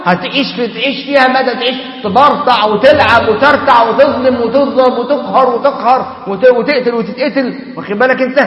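A man's voice: very high voice, quick pace, hardly any pauses. Man, Egyptian Arabic accent, colloquial mosque sermon, long hall reverb, dull lo-fi recording. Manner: animated, rhetorical questions, colloquial asides. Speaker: preacher. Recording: echoey hall, dull lo-fi sound.

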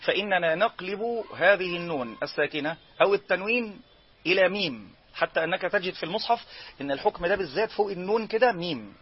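A man with an Egyptian accent teaching Quran recitation rules, explaining each rule and then chanting slow example verses. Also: high-pitched, animated, breathy edge, lo-fi sound. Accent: Egyptian Arabic. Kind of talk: tajweed lesson.

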